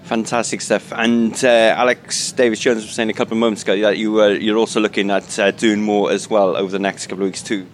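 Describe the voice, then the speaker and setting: A man's voice: on the low side, flat delivery, fairly quick, hardly any pauses. A male local radio presenter interviewing live on location, upbeat and sometimes stumbling over phrasing. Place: on location at a museum event. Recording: faint background ambient noise.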